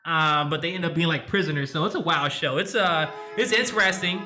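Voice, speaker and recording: Male host, easygoing interviewer, very bright and high voice. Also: a little fast, soft background music. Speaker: show host. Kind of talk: casual interview chat.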